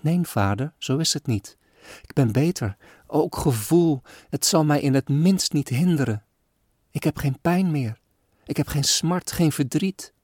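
A man voicing a feverish, frail poor little girl who pleads softly in a storybook poem. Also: on the high side, lively intonation, unhurried, no room sound, studio quality, pitched above the performer's own voice. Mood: longing.

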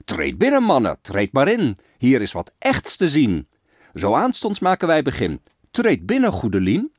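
A man voicing a loud male fairground barker who calls out in a sing-song way. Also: mid-range voice, wildly swooping pitch, a little slow, dry recording, studio quality. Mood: hawking.

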